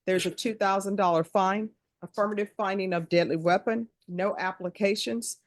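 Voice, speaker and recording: A woman speaking as a judge in court, reciting formal legal questions in a brisk, procedural, authoritative courtroom manner. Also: mid-range voice, fairly even intonation, a little hiss or hum. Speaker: judge presiding over a plea hearing.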